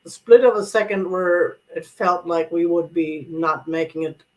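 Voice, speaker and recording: A man's voice: fairly high pitch, normal speed, rough recording. A man vlogging casually about his travels, chatty and rambling, with many restarts and asides.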